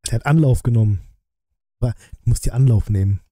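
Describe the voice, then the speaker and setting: Speaking quickly in a mid-range voice that stays very mellow and relaxed, a man talks directly to viewers while reacting to a film review on stream. His small room at the streaming setup sounds dry, and he's close to a desk mic with a headset on.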